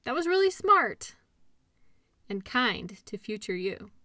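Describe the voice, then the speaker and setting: Recorded dry in a clean studio, a woman gives a full character voice that is a little high, very animated, slow, pushed and bright. Her role is a caring, upbeat girlfriend in intimate roleplay audio, soothing, playful and encouraging toward an injured partner, with a tender, sympathetic mood.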